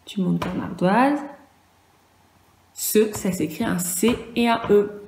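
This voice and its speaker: A woman with a French accent gives a primary reading lesson, breaking words into syllables and letters at a slow, patient pace. Her voice is mellow and soft-edged. The room around her is echoey. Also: mid-range voice, creaky. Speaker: primary school teacher. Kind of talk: virtual class lesson for young children.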